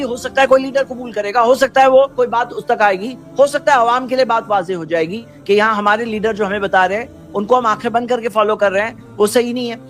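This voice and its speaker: A man giving an earnest religious talk who keeps asking rhetorical questions and quotes Arabic before explaining it. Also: very high-pitched. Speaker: Islamic preacher.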